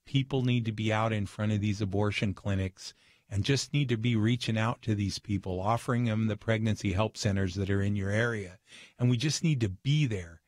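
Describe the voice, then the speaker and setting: Guy on a radio show telling a story, earnest and lively, dry sound. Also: fairly low pitch, fairly quick, no room sound. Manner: earnest, animated, acts out voices in his stories. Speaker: guest.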